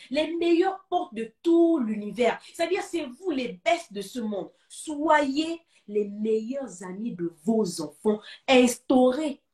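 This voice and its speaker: A woman's voice: on the high side, a little mellow, roomy sound, distant mic. A woman with a Gabonese French accent giving advice to parents on a talk show, urging them in emphatic, repetitive exhortations.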